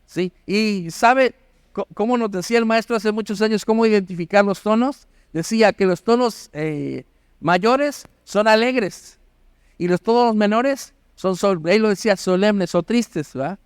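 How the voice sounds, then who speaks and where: A man's voice: high voice, unhurried, smooth, no echo, studio quality. A man preaching a Sunday sermon as pastor, tagging nearly every phrase with a question to the congregation. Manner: asks the congregation constant questions. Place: church auditorium.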